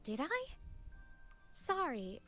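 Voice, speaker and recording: A woman's voice: high-pitched, huge pitch swings, extremely slow, pushed and bright, faint music behind, full character voice. A woman voicing a cheerful young female college student who talks in a bubbly, teasing way. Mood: playful. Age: young adult. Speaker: game character. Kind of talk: game voice acting.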